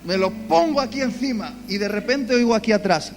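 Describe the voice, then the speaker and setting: Preaching live in a church, a Basque man from Spain speaks with a Spanish accent in a high, animated, brisk voice. He tells his stories with drama, even acting out cries of pain.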